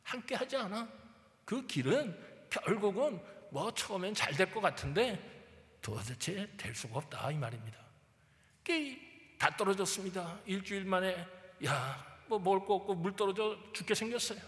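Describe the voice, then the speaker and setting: A man's voice: high-pitched, expressive, normal speed, fairly bright tone, big-room sound. A male pastor preaching a sermon emphatically, prodding his listeners with rhetorical questions and acting out Bible figures. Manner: acts out Bible figures in quoted speech.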